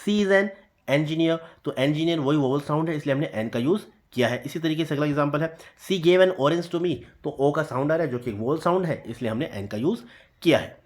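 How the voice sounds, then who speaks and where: Man teaching grammar, slow and repetitive. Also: fairly high pitch, darkish tone. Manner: slow deliberate reading of example sentences, repeating key points. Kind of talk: explanatory classroom lesson.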